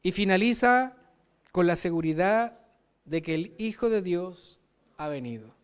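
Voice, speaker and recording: A man's voice: sits high, smooth. A man with a Chilean Spanish accent preaching a sermon, emphatic and often asking "¿cierto?". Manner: emphatic, frequent rhetorical "¿cierto?".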